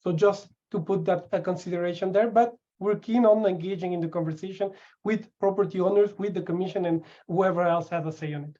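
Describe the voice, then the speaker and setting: A man gives measured, formal remarks as a webinar panelist. His voice is mellow and darkish. The call audio comes through dull and muffled. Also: sits high, steady tone.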